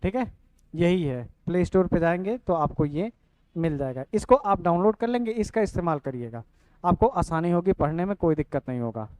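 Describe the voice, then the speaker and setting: A man's voice: sits high, sing-song, fairly quick, darkish tone, low-quality recording. A young man, explaining a course lesson casually and checking in often with "theek hai". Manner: repeats "ठीक है" and addresses students directly. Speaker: online coaching teacher.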